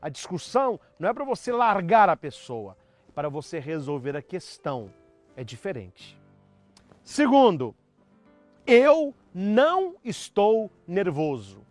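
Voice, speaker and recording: Speaking at a normal speed in a dry recording, a priest gives a forceful, instructive talk about marriage. His high voice moves about a great deal in pitch, and soft music runs beneath him.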